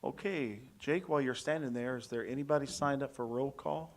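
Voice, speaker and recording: A man's voice: mid-range voice, brisk. A man presiding over a school board meeting, moving through the agenda in a plain, businesslike way and correcting small slips as he goes. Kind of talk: formal meeting procedure.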